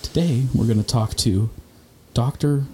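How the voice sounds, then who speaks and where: A man, a podcast co-host, putting on a slow, mock-formal old-time AM radio announcer voice. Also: mid-range voice, mellow, slight background noise, lightly acted. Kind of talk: casual podcast chat.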